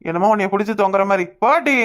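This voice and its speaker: A woman's voice: mid-range voice, expressive, racing, lightly acted. A woman voicing an irritable, dismissive husband in a cartoon, talking brusquely and ordering others about. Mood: irritated, dismissive. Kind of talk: cartoon voice acting.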